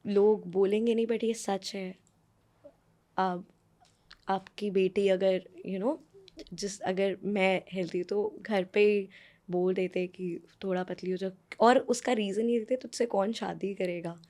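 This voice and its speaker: एक महिला लेखिका, भारतीय लहजे में, इंटरव्यू में जोश और गंभीरता से अपनी बात रखती है, बीच-बीच में अंग्रेज़ी शब्द मिलाती है।. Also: female voice, medium pitch, slow pace. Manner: earnest, animated, mixes English words into Hindi. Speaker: guest, author. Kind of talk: conversational interview answers.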